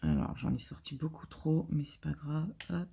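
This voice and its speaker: A woman's voice: low voice, sing-song, normal speed, gravelly, warm tone, a little hiss or hum. Hesitant woman chatting as she crafts. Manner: hesitant, full of filler sounds and restarts; chatty and self-mocking. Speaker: vlogger. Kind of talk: casual chat while diamond painting.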